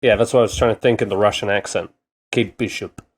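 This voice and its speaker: A man co-hosting a podcast in casual chat, talking in a rambling, halting way with many fillers. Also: lowish voice, steady tone, slightly rough. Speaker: podcast co-host.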